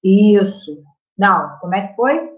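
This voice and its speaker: A woman's voice: mid-range voice, expressive, unhurried, a little mellow. A Brazilian Portuguese-accented woman teaches a live grammar class. She talks in a chatty way and keeps checking in with her students. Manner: chatty, checks in with the class by constantly asking "right?". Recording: roomy, slightly muffled room sound.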